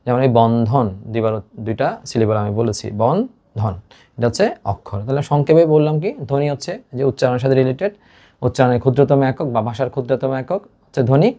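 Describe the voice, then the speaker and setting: In an online exam-prep lesson, a male teacher walks his students through the material step by step, sprinkling English words into his speech. He talks fast in a medium-pitched, warm voice.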